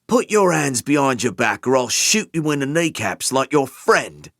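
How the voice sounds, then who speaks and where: A man's voice: mid-range voice, sing-song, normal speed, a bit bright, no room sound, studio quality, pitched above the performer's own voice. A man doing a menacing gangster enforcer. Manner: menacing, threatening. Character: vengeful brutal male gangster enforcer.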